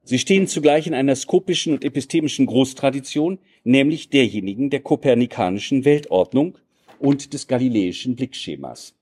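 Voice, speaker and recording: A man giving an academic lecture in measured, formal and elaborate sentences. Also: mid-range voice, darkish tone, slightly rough.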